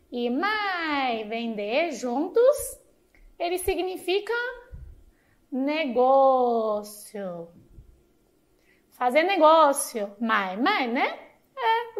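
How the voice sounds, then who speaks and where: A woman with a Chinese accent and Mandarin as her first language, slowly and patiently teaching a short lesson on a talk show. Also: high-pitched. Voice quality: slow, patient explaining with repeated drilled syllables.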